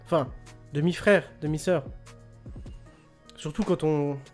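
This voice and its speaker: Male host, high-pitched, loose and joking, over soft background music. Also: takes it slowly. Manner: joking, laughs often, repeats words. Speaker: host of an online quiz radio show. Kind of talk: casual quiz hosting, chatting with listeners.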